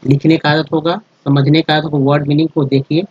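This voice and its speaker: A man's voice: fairly high pitch, flat delivery, fairly quick, a little mellow, slightly rough, dry recording, highs cut off. A man teaching a lesson over slides, explaining step by step, spelling letters out and repeating words, and often checking that his listeners follow. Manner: addresses viewers as friends, checks with "ठीक है". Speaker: English teacher.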